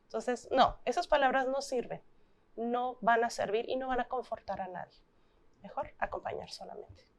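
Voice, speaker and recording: Earnest Mexican woman, slightly high voice. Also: steady tone, moderate pace. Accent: Mexican Spanish. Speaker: thanatologist guest. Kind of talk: interview talk.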